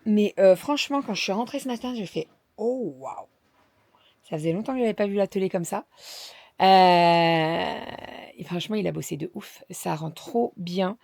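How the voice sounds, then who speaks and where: A woman vlogger chatting casually about her day at home, slangy and full of filler pauses. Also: mid-range voice, creaky, a little mellow. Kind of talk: casual daily vlog chat.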